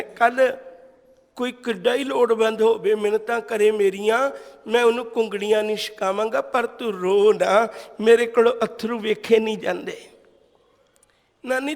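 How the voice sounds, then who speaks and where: A man's voice: very high voice, creaky. A man quoting an orphaned young boy, speaking in an earnest, heartfelt way, in a hall. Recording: long hall reverb.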